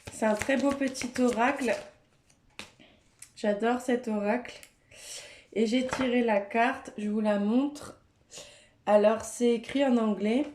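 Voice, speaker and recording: A woman speaking French gives a gentle, hesitant card-reading guidance, with many fillers. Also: a little high, echoey room. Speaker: tarot and oracle card reader.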